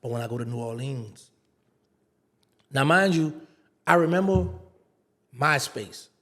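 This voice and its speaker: At a measured pace and in a mid-range voice, a male interview guest narrates a casual tale, animatedly voicing the dialogue as he goes.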